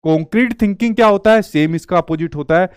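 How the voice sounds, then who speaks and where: Male teacher, clear smooth voice a bit high, close dry recording, question-and-answer lecture delivery. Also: no room sound. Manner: explains slowly, asks and answers own questions. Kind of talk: exam-prep lecture.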